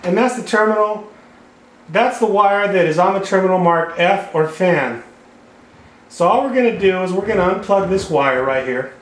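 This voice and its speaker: A man explaining HVAC wiring step by step while he draws on a whiteboard, recorded by a camera over the board. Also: high voice. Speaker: HVAC repair instructor. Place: indoor room at a whiteboard table. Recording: echoey room sound.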